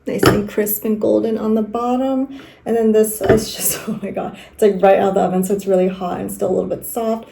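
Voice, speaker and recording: Relaxed, chatty young woman vlogging at home. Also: mid-range voice, fairly quick, vocal fry, noisy background. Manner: relaxed and chatty, with light laughs. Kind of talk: casual vlog chat. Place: small apartment kitchen and home.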